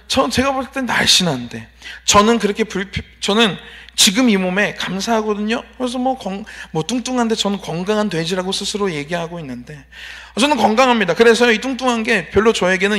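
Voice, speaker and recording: Male preacher with a high voice, confessional storytelling style, sermon in a church sanctuary. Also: fairly bright tone. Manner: personal storytelling with emphatic polite endings and rhetorical questions.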